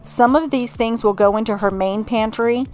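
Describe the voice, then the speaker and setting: A middle-aged woman, host of a home organizing channel, calmly narrating a scripted voice-over with friendly instructions. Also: on the high side, moderate pace, soft background music. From Texas.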